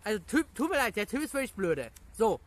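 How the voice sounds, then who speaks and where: A gaming YouTuber rambling excitedly through a casual video reply to viewers, full of pet phrases and laughter. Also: medium pitch, fairly quick, no echo. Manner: rambling, chatty, repeats catchphrases and fillers.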